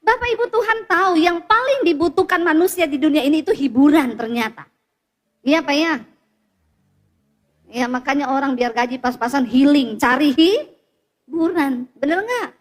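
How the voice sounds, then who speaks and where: High-voiced woman pastor preaching. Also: moderate pace, long pauses. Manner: lively storytelling with congregation prompts. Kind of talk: sermon.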